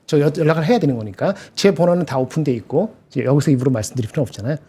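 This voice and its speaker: A man's voice: fairly high pitch, racing, dark tone, husky. A male market commentator on a live show, chatting casually and rambling with self-corrections. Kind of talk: casual chat.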